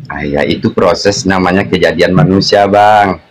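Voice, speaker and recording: Deep-voiced man in his forties, joking. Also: moderate pace, a little hiss or hum. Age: 40s. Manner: joking, casual replies. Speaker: debate participant. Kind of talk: live online debate.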